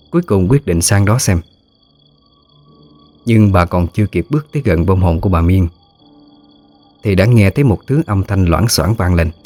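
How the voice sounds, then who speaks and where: A man narrating a ghost story in a steady, scripted storytelling manner. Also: low-pitched.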